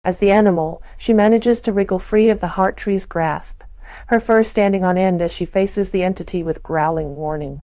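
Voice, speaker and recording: A woman reading her character's part of a role-play story in a soft, measured way. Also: medium pitch, dry recording. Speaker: player narrating her character.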